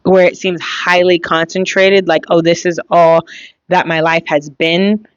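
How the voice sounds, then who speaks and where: A woman's voice: fairly low pitch, level tone, unhurried, smooth, no room sound, highs cut off. A young woman hosting a casual solo podcast, talking in a chatty, rambling way with lots of fillers and trailing thoughts. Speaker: podcast host.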